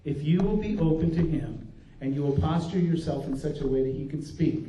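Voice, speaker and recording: A man's voice: on the high side, fairly quick, mellow. An older man, a pastor, giving an earnest, folksy workshop talk with frequent restarts. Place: conference room. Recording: dull, roomy recording from a distance.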